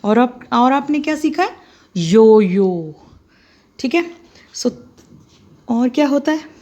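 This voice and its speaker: A woman's voice: a little high, expressive, slow pace, warm tone, muffled recording. A middle-aged woman teaching children to write letters, spelling them out one at a time with patient explanations. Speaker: Hindi teacher. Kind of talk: handwriting lesson for children.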